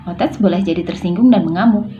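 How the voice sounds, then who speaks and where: A woman's voice: on the low side, quick pace, dull audio, slight background noise, natural voice. A woman reading aloud as a young man who is lost and argumentative, her voice raised and pleading. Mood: arguing. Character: confused, defiant young man.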